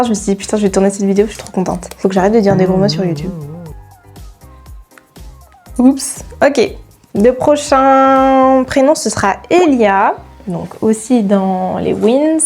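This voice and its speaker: A young woman with a French accent, chatting casually to her viewers in an animated, giggly way. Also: a little high. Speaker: YouTuber. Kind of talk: casual chat to camera.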